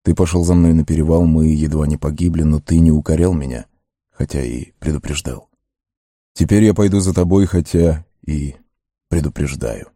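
A man voicing a heavy-hearted male ranger who speaks quietly and heavily. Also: very deep voice, normal speed, no echo, studio quality.

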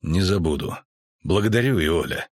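Guy reading as a grim tired monster hunter, low and terse, few words, audiobook. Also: normal speed, slightly rough, no echo, clean studio sound. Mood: dry. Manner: terse and flat.

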